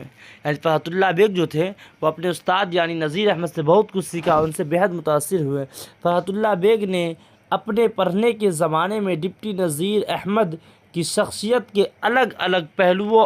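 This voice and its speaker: Young male tutor, high voice, walks through exam answers, repeats every point. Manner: repetitive, explains each line again. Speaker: Urdu teacher.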